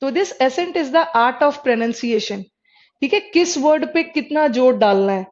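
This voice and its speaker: High-voiced woman teaching vocabulary. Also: animated, slow. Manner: explains in mixed Hindi and English, repeats words, checks with students. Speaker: English teacher. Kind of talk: live online vocabulary class. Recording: dull lo-fi sound.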